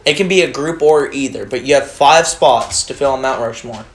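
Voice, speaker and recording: A man's voice: mid-range voice, normal speed, crowd noise. A man hosting a casual group debate, whistling on his S sounds as he talks. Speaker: podcast host posing questions to a group. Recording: roomy echo, faint music behind.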